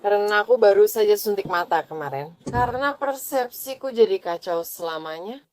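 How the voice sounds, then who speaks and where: A woman's voice: mid-range voice, expressive, a little fast, darkish tone, no room sound. A drunk woman arguing with and taunting police during a heated confrontation. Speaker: detained driver, intensive care nurse.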